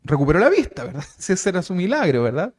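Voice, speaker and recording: A male pastor delivers a conversational sermon. He is animated and keeps turning to his listeners with questions, his voice sitting somewhat high for a man. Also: fast. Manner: animated, asks the congregation questions constantly.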